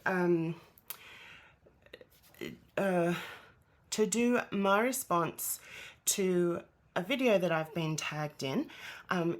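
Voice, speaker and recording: A congested, nasal-sounding woman who is out of breath, chatting casually as host of a hobby channel. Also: medium pitch. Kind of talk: casual vlog chat.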